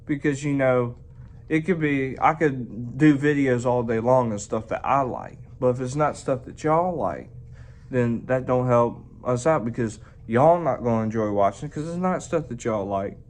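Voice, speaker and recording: A man's voice: mid-range voice, normal speed, a little mellow. A man with a Southern US accent chats casually to his viewers in folksy country phrasing, talking around a lip full of dipping tobacco. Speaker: video channel host reviewing dipping tobacco. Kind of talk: casual rambling vlog chat.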